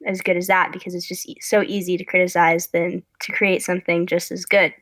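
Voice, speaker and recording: A woman's voice: lowish voice, level tone, fairly quick, a bit bright, no room sound. Young woman, podcast guest, chatty, rambling, dry sound. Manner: rambling, chatty, self-interrupting. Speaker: guest, content creator. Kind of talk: casual podcast chat.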